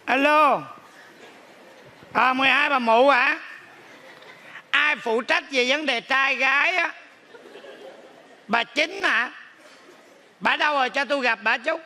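A man's voice: very high-pitched, takes it slowly, long pauses, bright, forceful tone. A man playing a comic spirit in a live stage sketch, dropping wry asides. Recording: live stage with faint noise.

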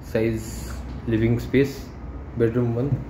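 Walking through an empty furnished flat indoors, an Indian man guiding a property tour narrates in a plain, halting, mid-range voice, pointing out features as he goes. The handheld phone camera captures a bare, echoey space with heavy air-con and traffic noise.

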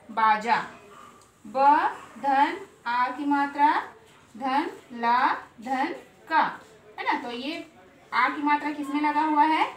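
A woman teaching an online lesson at a blackboard, speaking slowly, repeating words and asking questions. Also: high-pitched, fairly bright tone. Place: room with a blackboard. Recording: echoey room from a distance, faint noise.

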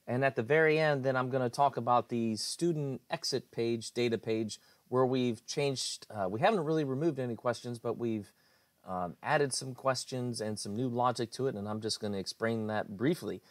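A man at his computer narrates a screencast about website changes. His voice sits at a middle pitch, and he explains things plainly with occasional fillers. The recording is dry and close. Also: normal speed, no room sound. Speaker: IT director presenting website updates. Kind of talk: screencast walkthrough.

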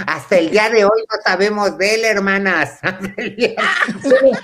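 A man's voice: sits high, moderate pace, a bit bright, slight background noise. A man with a Mexican accent telling a comic wedding story in a camp, chatty way, often laughing and acting out the voices of the people he quotes. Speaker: comedic storyteller. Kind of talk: comic anecdote told to a live audience.

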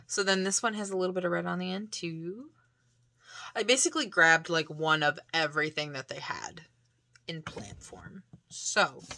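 A woman vlogger shows off her shopping haul to the camera, chatting casually and rambling with lots of fillers and laughter, sometimes slipping into soft, breathy asides. Her voice is low-pitched, and there is background noise.

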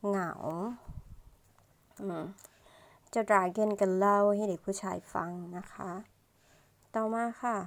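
A woman's voice: medium pitch, steady tone. A woman, reading an English storybook aloud line by line and patiently explaining each part as a teacher. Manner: slow, patient, ends phrases with polite particles.

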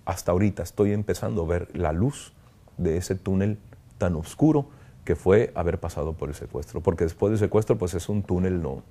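A deep, low-pitched man speaks in a soft, mellow tone. He is a priest giving a heartfelt interview, talking earnestly with halting pauses and reflective asides. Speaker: priest, kidnapping survivor interviewee. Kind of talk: emotional interview testimony.

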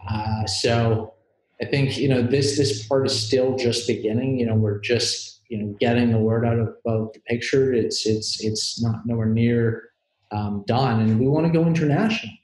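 A man speaking as a filmmaker guest in a casual interview, thoughtful and hedging, filling pauses with "you know". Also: mid-range voice, steady tone, a little mellow, reverberant, poor audio.

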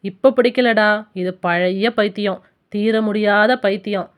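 A woman voicing a fierce, grieving elderly grandmother in an audiobook, speaking slowly and deliberately in a lowered voice. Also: fairly even intonation, clear, resonant tone, lightly acted. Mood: quiet, resigned. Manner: slow, low, deliberate speech. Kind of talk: audiobook character voice.

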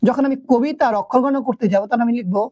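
A young woman teacher giving a video lesson, asking her students questions and drawing out words slowly to count their syllables. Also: fairly high pitch, warm tone, dry recording, highs cut off.

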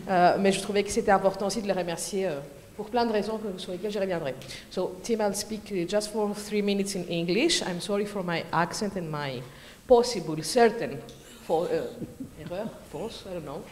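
Organizer, female, French accent, halting delivery full of fillers, roomy hall with long echo and faint hiss. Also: medium pitch, a little mellow. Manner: hesitant, many fillers, halting in English. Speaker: conference organizer. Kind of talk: formal introduction to a lecture. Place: large lecture hall.

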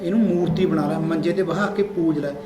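A man's voice: on the high side, brisk, music in the background. A young man with a Punjabi accent acting a farmer son in a village drama, scolding and complaining.

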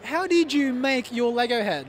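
A man's voice: very high voice, animated, normal speed, faint music behind. A young man, presenting cheerfully on location at an expo with a handheld mic. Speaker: event show presenter. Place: outdoor and indoor expo hall, crowd around.

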